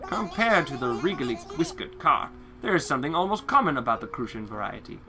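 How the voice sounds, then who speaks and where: A woman's voice: rumbling low, sing-song, fast talker, exaggerated voice. A woman voicing a fussy male owl museum curator, reading stiff game text aloud and stumbling over the words. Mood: lecturing. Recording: game music playing behind.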